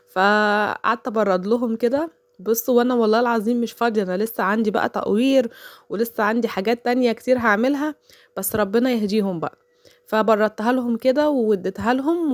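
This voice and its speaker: A woman's voice: a little high, darkish tone, dry recording. A woman in her thirties with an Egyptian accent, a mother chatting casually through a home cooking voice-over and telling stories sprinkled with religious phrases. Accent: Egyptian Arabic.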